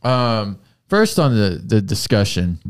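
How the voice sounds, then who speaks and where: Joking young man, smooth low voice. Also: big pitch swings, slow. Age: 20s. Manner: joking, rambling, laughs often. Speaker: podcast host. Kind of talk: casual chat.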